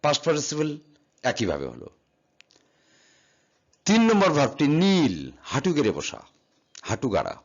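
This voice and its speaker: A man's voice: a little high, huge pitch swings, normal speed, long pauses. A man teaching an English grammar lesson, patiently spelling words out letter by letter and asking and answering his own questions. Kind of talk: classroom lesson explaining verb forms. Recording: slightly dull, lo-fi sound.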